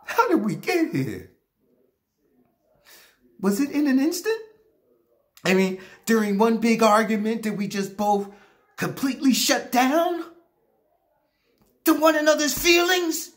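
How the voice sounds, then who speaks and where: A man in his fifties playing an anguished husband in a failing marriage, in a hammy, theatrical stage monologue with emphatic delivery and drawn-out pauses. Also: very high-pitched, big pitch swings, full character voice. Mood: searching, wounded. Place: small plain room indoors.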